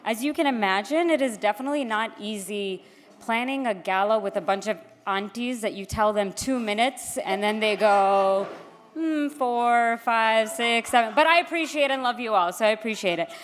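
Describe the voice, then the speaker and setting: A woman's voice: medium pitch, a little fast, slight background noise. A woman from Queens gives an informal, candid, self-deprecating podium speech as she introduces an honoree. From Queens, New York. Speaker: gala speaker introducing an honoree. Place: large indoor event hall, public address. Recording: echoey hall with long reverb.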